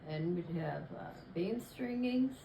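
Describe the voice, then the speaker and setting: A woman's voice: fairly low pitch, animated, slow, creaky, roomy sound, muffled recording, slight background noise. An older woman chatting with family, rambling and correcting herself as she recalls things. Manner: rambling, self-correcting storytelling. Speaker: interviewee. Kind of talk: casual family chat.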